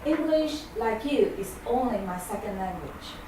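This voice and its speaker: A guest speaker from Singapore, Chinese by first language, gives an English talk with frequent hesitant fillers. Her slightly high voice has lively intonation and an unhurried pace, captured from far away in a noisy, echoey hall.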